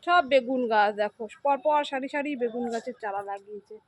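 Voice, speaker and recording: This fairly high-pitched woman talks briskly while recording a casual vlog on her phone outside in her rooftop garden at home. She guides viewers around, frequently asking them to look and answer questions. Clear background noise comes through the handheld phone recording.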